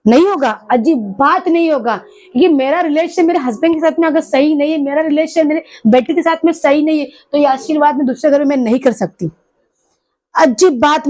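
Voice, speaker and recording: A woman's voice: sits high, darkish tone. A middle-aged woman preaching a church sermon, with many hallelujahs, asking the congregation questions. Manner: call-and-response preaching, repeated hallelujahs. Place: church hall.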